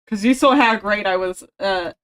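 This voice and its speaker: A woman livestreams a video game, chatting casually to herself and her viewers while game music plays behind her. Her mid-range voice is a bit bright and moves at normal speed, and there's slight background noise.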